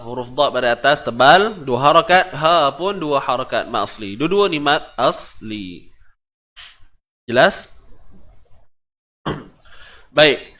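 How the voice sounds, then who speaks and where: A man's voice: mid-range voice, animated, slow pace, pauses often, pushed and bright. Malaysian man teaching Quran recitation. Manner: patient, repeats syllables, asks the class questions. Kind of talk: tajwid lesson with chanted recitation.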